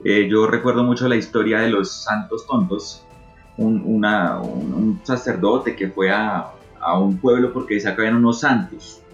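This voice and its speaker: In a muffled recording with faint background music, an interview guest reflects on faith and prayer. His fairly low voice moves at a moderate pace as he speaks with earnest emotion, repeating words to stress them.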